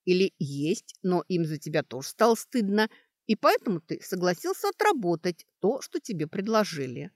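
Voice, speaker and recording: A woman reading an audiobook, voicing a sharp-witted young girl student who talks in a brisk, mocking way as she reasons things out. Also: lowish voice, big pitch swings, no room sound, clean studio sound.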